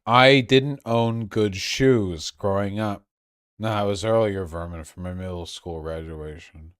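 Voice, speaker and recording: A man's voice: fairly low pitch, fairly even intonation, unhurried, smooth, dry recording, clean studio sound. A very drunk man rambling on a casual livestream, crude, losing his thread and stumbling over repeated words. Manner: crude, swearing.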